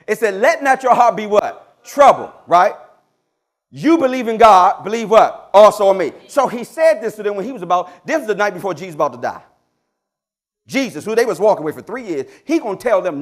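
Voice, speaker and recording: A pastor delivers a call-and-response sermon in a church. His voice sits high and swoops animatedly from line to line. He moves between loud, emphatic questions to the congregation and quiet, low asides.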